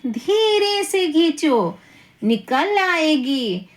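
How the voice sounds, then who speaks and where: A woman voicing a kind, gentle female butterfly in a children's story, soft-spoken but firm. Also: sits high, big pitch swings, extremely slow, heavily acted.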